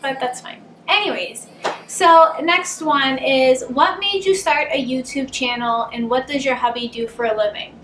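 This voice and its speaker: A woman's voice: sits high, moderate pace, fairly bright tone, a little hiss or hum. A woman with a Boston accent hosting a casual couple Q&A at home, chatty and rambling, laughing often. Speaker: channel host. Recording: roomy, distant camera sound.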